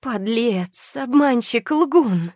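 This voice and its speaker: A woman reading an audiobook voices a betrayed young wife, shouting and trembling with rage. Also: on the high side, expressive, extremely slow, no room sound, studio quality, pitched above the performer's own voice, full character voice. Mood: furious.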